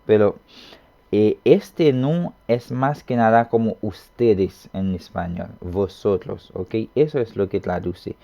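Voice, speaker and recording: A man's voice: fairly low pitch, gravelly. A man teaching a recorded online language lesson, patient and checking in often with the learner. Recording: dull lo-fi sound.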